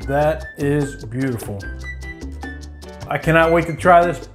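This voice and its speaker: A man's voice: a little high, a little slow, faint music behind. A middle-aged man hosting a casual home cooking show, chatty and enthusiastic, laughing often. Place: home kitchen indoors.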